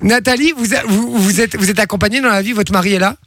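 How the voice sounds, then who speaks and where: A man's voice: sits high, quick pace, fairly bright tone, no room sound. A man hosting a radio prank call, effusive, apologetic and often laughing.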